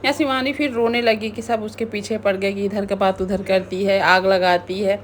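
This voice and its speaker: A woman's voice: mid-range voice, fairly even intonation, moderate pace, a little hiss or hum. A woman casually recapping a reality show, retelling events in a chatty way with frequent restarts.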